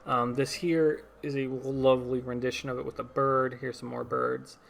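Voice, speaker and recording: A young man hosts a solo podcast in a loose, rambling way. He stumbles over words, corrects himself and laughs at his own tangents. His voice sits at an ordinary middle pitch for a man. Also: flat delivery, moderate pace, vocal fry, a bit bright, slight background noise. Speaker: podcast host. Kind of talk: casual solo podcast talk.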